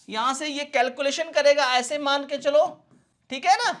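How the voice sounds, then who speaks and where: A man's voice: extremely high pitch, a bit bright. A man teaching a computer lesson in with a tinge, who keeps checking whether his students have understood. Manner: asks quick check questions again and again. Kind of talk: classroom-style lesson.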